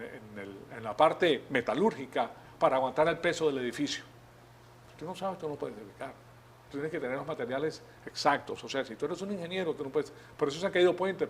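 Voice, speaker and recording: Man, preacher, teaching sermon, slightly high voice, faint room ambience. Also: a little hiss or hum. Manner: conversational, acts out questions, many fillers and restarts.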